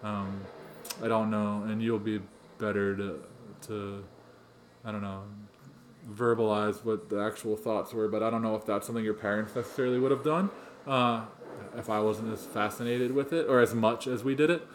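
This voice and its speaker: A man's voice: lowish voice, steady tone, moderate pace, slight background noise. A man co-hosting a casual podcast, rambling through his thoughts with many ums and restarts. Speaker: podcast co-host. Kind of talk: casual chat.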